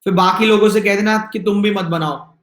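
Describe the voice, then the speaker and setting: A male teacher with a Hindi accent, explaining reasoning questions in an online exam-prep class with lively, teasing asides and little acted-out dialogues. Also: high voice, normal speed, echoey room.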